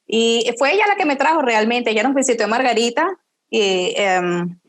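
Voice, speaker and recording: A Venezuelan woman, a panel guest, telling her story in a relaxed way over a video call. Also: a little high, normal speed. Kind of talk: casual chat on a video call.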